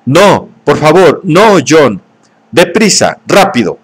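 A man's voice: sing-song, unhurried. A man reading an audiobook aloud and voicing a young woman, amorous at first and then terrified, in a raised, pleading voice. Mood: frightened. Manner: higher, louder pleading voice.

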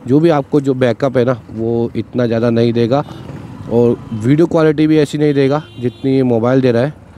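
A moto vlogger chats casually while riding a motorcycle on city roads, his medium-pitched, mellow voice steady and at normal speed. He explains things as he goes and keeps repeating "ठीक है". A cheap wired external mic on the rider picks up traffic noise.

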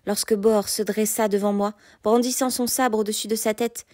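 A woman narrating an audiobook in a measured, softly hushed reading. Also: mid-range voice, steady tone, no echo, studio quality.

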